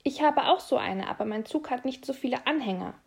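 A stubborn little boy mouse, as a woman reading aloud puts him on speaks up high and loud in a children's storybook. He sounds sulky and insistent. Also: animated, fairly quick. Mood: delighted.

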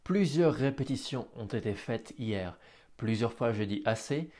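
A man's voice: mid-range voice, animated, unhurried, darkish tone. Man, tired, casual diary podcast, some stammering, home office. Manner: stammers and restarts words.

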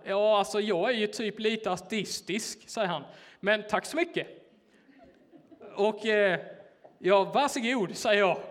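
A man preaching in a church, telling a personal story in a casual, hesitant way with many fillers. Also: high voice. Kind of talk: sermon told as a personal story.

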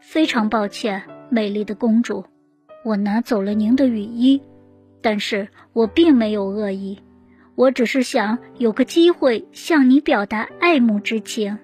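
A woman storyteller plays a young storybook prince, courteous and lovestruck. He speaks slowly and earnestly, with polite apology, pitched below the narration, over faint music. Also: darkish tone, slightly rough. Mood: apologetic, earnest.

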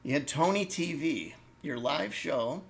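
A man's voice: fairly high pitch, expressive, measured pace, creaky, crowd noise. A man hosting a podcast, talking loosely and casually with the occasional swear word. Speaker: podcast host. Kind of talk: casual interview chat.

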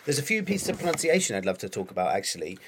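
A man from the south of England with a low voice and a southern English accent. He pronounces th as f or v and drops his t into glottal stops. He talks in a casual, explanatory way, like a teacher on a podcast. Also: big pitch swings, rapid-fire, background noise. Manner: th-fronting, says th as f or v. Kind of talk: casual educational chat.

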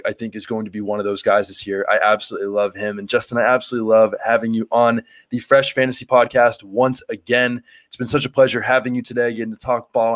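A man hosting a casual podcast interview, talking in a loose, rambling way with lots of fillers. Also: medium pitch. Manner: loose and rambling, full of "like" and "you know" fillers. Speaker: podcast host.

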